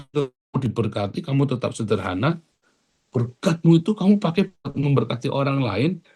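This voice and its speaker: Animated male preacher, loud-then-soft sermon. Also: medium pitch. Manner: animated preaching, swings between loud bursts and quiet asides; casual street slang mixed into preaching. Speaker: pastor.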